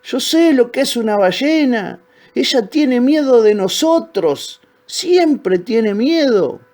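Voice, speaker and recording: A man doing a slow, high old caiman. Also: a little mellow. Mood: reassuring. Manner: slow, high, drawn-out lines. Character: old wise male caiman, slow, knowing.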